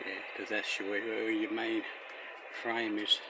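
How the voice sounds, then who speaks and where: Filmed around a car parked under a carport, this Australian man rambles through a plain-spoken, casual guide to fitting a car radio himself for his vlog. He speaks in a lowish, level voice at a slightly slow pace, captured on a noisy handheld recording on location.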